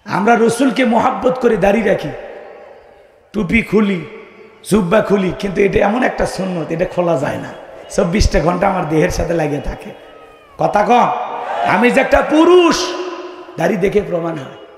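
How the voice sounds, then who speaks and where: A man with a regional Bangladeshi accent delivers a humorous sermon in a high, carrying voice, often calling on the crowd to answer back. He swings from shouts to quiet asides and sometimes breaks into chanted, sung lines. The sound is roomy, with a long, ringing reverb. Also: animated, moderate pace, pauses often, a little hiss or hum. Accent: regional Bangladeshi dialect. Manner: calls out to the audience for replies. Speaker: preacher.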